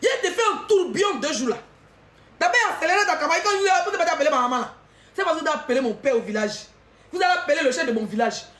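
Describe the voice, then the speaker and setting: A very high-voiced woman with an Ivorian French accent hurls mocking insults, her voice bouncing around a roomy, echoing space. She taunts and often shouts as she rants straight to camera. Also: animated, fast talker. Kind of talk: heated insulting rant to camera.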